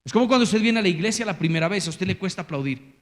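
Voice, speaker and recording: A man preaching a sermon as pastor, swinging from loud calls to hushed, low lines. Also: expressive, racing. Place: church. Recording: church hall reverb.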